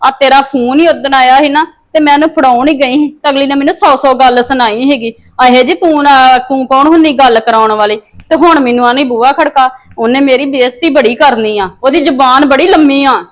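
A gossipy sister-in-law, played by a woman, talking in a high voice. She recounts the family quarrels with eager exclamations. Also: brisk, hardly any pauses, natural voice. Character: sharp-tongued sister-in-law. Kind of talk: family drama acting.

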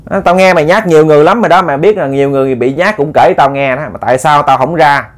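A man's voice: a little high, quick pace, lightly acted. A man voicing an older charm-master who lectures a ghost firmly. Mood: lecturing. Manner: firm, lecturing.

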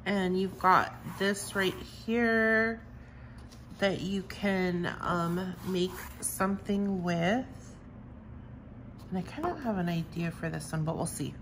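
A woman's voice: fairly low pitch, slow pace, fairly bright tone, slight background noise, poor audio. A woman showing off new craft stamps in a casual, gushing way, repeating how much she loves each one. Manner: gushing, enthusiastic, repeats "I love" and "so cute". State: has the hiccups. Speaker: crafting vlogger. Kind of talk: casual show-and-tell of stamps.

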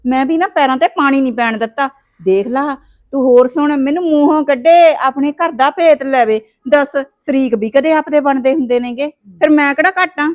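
A woman's voice: sits high, normal speed, muffled recording, close to an everyday voice. A woman, playing a scheming daughter-in-law who scolds and wheedles in a village family drama. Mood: wheedling. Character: sharp-tongued scheming young daughter-in-law.

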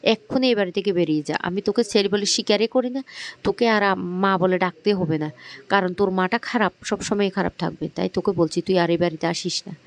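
A man's voice: sits high, fast. A man voicing a hurt, stern middle-aged mother who speaks with firm, emotional reproach. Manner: pleading then stern.

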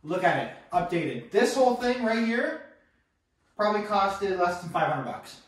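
Touring his renovated empty apartment on camera, a young Canadian man who invests in real estate sounds high and sing-song at normal speed. He's chatty and upbeat, repeatedly calling viewers guys, while the camera, held by another person a few steps off, picks up a distant, echoey sound.

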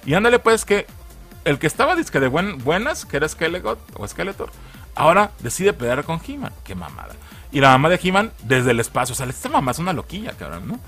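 A man's voice: fairly high pitch, huge pitch swings, fast talker, fairly bright tone, soft background music. A man with a Mexican Spanish accent giving a casual spoken video review, joking, swearing and laughing often.

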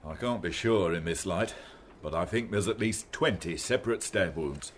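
Actor as deep, gruff British Inspector Lestrade. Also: male voice, moderate pace, slight background noise, natural voice. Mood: grim, matter-of-fact. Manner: terse, matter-of-fact. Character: gruff, weary, blunt police inspector.

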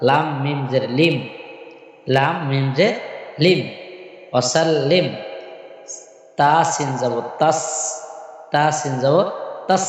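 Slow, echoey man spelling out a recitation. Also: a little high. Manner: spells each syllable slowly, repeating every step. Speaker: religious teacher. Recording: echoey hall with long reverb.

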